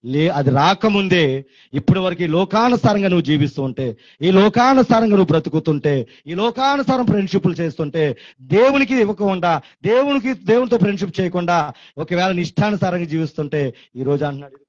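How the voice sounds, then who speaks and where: Man, Telugu accent, fervent preaching, fairly high voice, muffled dry sound. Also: lively intonation, fast talker, no room sound. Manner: fervent, rising to shouted hallelujahs and quoted pleas. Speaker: pastor. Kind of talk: sermon.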